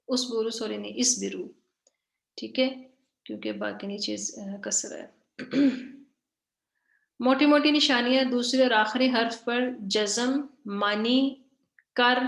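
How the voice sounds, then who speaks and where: Echoey, repetitive woman teacher. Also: on the high side. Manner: repeats points, frequent "theek hai" checks; slow, drawn-out reading of example words. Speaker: Quran grammar teacher. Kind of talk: online lesson explaining slides.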